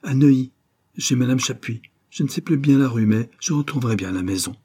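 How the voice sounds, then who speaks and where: Man putting on a scared small boy, high pleading voice, husky edge, audiobook reading. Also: brisk, mellow, natural voice. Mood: earnest. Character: frightened little boy.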